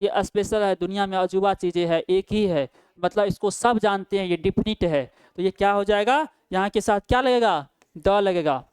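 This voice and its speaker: Man teaching grammar with a smooth voice. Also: high-pitched, normal speed, a little mellow, dry recording. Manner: asks questions and answers them himself, with frequent "ठीक ना?" tag checks. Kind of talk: Hindi-language English grammar lesson.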